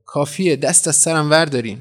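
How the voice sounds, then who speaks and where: A man's voice: on the high side, close to an everyday voice. A man doing a furious defiant mother. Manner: shouting, defiant threats.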